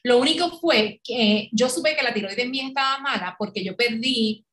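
Animated Puerto Rican woman, fairly high voice. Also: moderate pace. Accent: Puerto Rican Spanish. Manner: animated storyteller, acts out quoted dialogue, laughs often. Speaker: podcast guest. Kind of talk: casual interview conversation.

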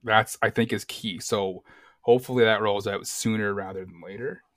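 A man's voice: fairly low pitch, steady tone, moderate pace. A man co-hosting a podcast, easygoing, reading posts aloud and chatting with plenty of ums. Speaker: podcast co-host. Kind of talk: casual chat.

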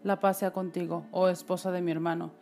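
A woman's voice: lowish voice, flat delivery, fairly quick, darkish tone, faint music behind, natural voice. A woman reading as a scheming sorcerer uncle. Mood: solemn. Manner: theatrical wailing lament. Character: scheming middle-aged sorcerer posing as uncle.

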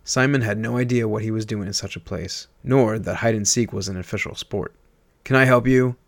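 A man hosting a podcast, chatting casually before reading a story aloud in a relaxed way. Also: on the low side, a little fast, vocal fry, dry recording. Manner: relaxed, chatty, with fillers and restarts. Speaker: podcast host and reader.

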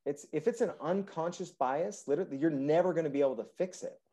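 A man's voice: on the high side, fast talker. A man hosting a podcast, chatting casually about politics in a rambling way full of fillers. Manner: rambling, animated, frequent "like" fillers. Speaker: podcast host.

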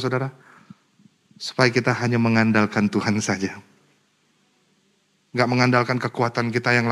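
A male pastor preaching a sermon, speaking emphatically and directly to the congregation, moving between rousing calls and quiet personal storytelling. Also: medium pitch.

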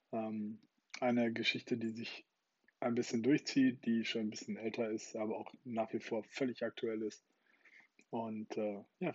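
A man's voice: fairly low pitch, darkish tone, slightly rough, lo-fi sound. A man hosting his own podcast, chatting informally with many fillers before reading a novel aloud. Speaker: podcast host and reader.

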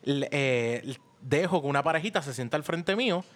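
Puerto rican guy spinning a story on a podcast, kinda high voice, laughs a lot, does little voices. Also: normal speed. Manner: animated, laughing, acts out voices in anecdotes. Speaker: podcast co-host. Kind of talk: casual storytelling chat.

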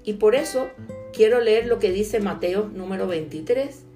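Woman preacher, earnest sermon, keeps asking questions, quiet guitar under it. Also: medium pitch, animated, moderate pace. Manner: earnest, asks the listener many questions. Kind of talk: devotional sermon with scripture reading.

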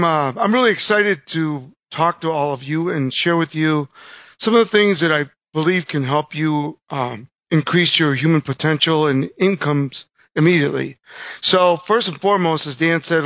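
Middle-aged Cuban-born man, earnest guest storyteller, higher-pitched, dry muffled recording. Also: moderate pace, no echo. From Cuba. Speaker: guest speaker. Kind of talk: telling his life story.

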